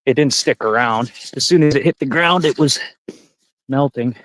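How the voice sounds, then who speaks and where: A man's voice: mid-range voice, moderate pace, a bit bright, poor audio. A Canadian man in his forties rambling casually and profanely on a live stream while hiking a forest trail. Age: 40s.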